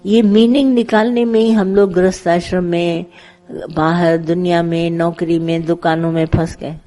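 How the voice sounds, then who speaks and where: Mellow-voiced woman giving a satsang talk. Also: fairly low pitch, steady tone, measured pace, faint music behind, low-quality recording. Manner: conversational, tells parables with acted quotes, mixes English words. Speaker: spiritual teacher leading satsang. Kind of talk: devotional satsang discourse.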